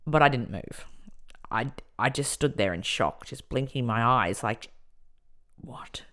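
A woman telling a personal story on a podcast, emphatic and animated as she recounts events. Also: a bass voice, a little slow.

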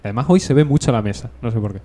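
Joking Spanish podcast co-host, lively pitch. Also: male voice. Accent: Spain Spanish. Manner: joking, quick to laugh. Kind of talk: casual chat.

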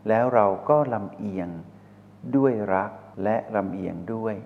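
A man giving a slow, measured dharma talk as a spiritual teacher, posing rhetorical questions to listeners. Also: lowish voice, gravelly. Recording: reverberant hall over a tinny phone-like line.

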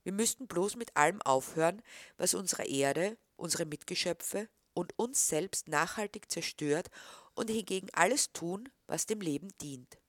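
A woman reading scripted narration in a calm, earnest, reflective way. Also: lowish voice, measured pace, no room sound.

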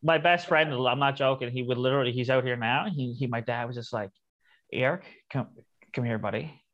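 A man's voice: medium pitch, steady tone, fast, lo-fi sound. A man with a Cape Breton accent chatting casually, telling stories in a blunt, profane, rambling way. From Cape Breton, Nova Scotia, Canada. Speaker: comedian guest. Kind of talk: casual chat.

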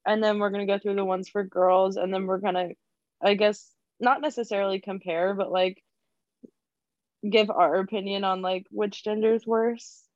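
A woman's voice: medium pitch, steady tone, no echo. A young woman co-hosting a casual chat podcast, giggly and chatty, often drawing her words out. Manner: giggly, chatty, drawn-out phrasing. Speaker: podcast co-host. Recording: dry, dull lo-fi sound.

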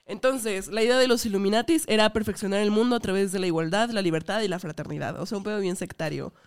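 A woman's voice: mid-range voice, quick pace, smooth. A young woman with a Mexican Spanish accent co-hosting a podcast, chatty and slangy, giggling as she explains. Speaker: podcast co-host. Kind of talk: casual comedic chat.

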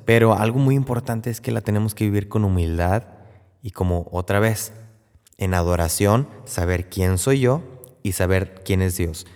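A man's voice: fairly low pitch, a little mellow. A man preaching a Lenten sermon, retelling a Bible story in a conversational way with frequent tag questions. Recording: long hall reverb.

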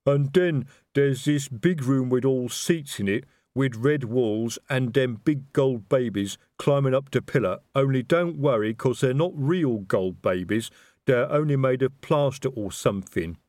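A big, simple male troll who talks slowly and proudly in a loud, plodding voice, read by a man. His grammar is rough and his tone is earnest. The recording is dry and close. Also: mid-range voice, dry recording, lightly acted. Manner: slow, ungrammatical, plodding explanation.

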